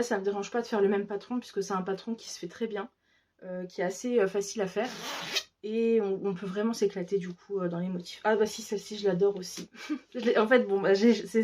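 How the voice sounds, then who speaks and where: Woman, craft vlogger, casual show-and-tell, chatty and enthusiastic, warm mellow voice. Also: medium pitch, a little hiss or hum. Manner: enthusiastic, chatty with many fillers.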